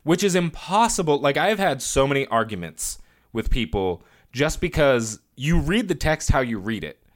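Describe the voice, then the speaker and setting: A man in his thirties co-hosting a podcast in casual chat, animated and laughing often. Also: mid-range voice, normal speed. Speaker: podcast co-host.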